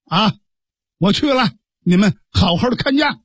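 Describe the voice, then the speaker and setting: 男说书人演的 正直剑客，说话恳切，评书腔北京口音，沙嗓，声音干. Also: male voice, sits high, lively intonation, normal speed, a bit bright, breathy edge, dry recording, exaggerated voice. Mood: earnest. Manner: pleading, earnest. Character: earnest upright male swordsman official. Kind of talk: traditional storytelling.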